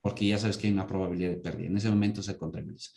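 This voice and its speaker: A man's voice: deep voice, steady tone, rapid-fire, vocal fry, warm tone, roomy sound. A man teaching an accounting class, explaining with everyday examples and often checking in with his students. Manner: asks students for confirmation with repeated "¿sí?". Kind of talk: online class lecture.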